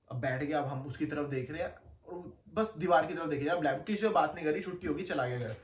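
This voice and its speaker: A young man telling a story in casual, slangy chat, animated and laughing as he goes. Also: a little high, far from the mic, a little hiss or hum. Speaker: podcast guest storyteller. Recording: echoey room, faint ambience.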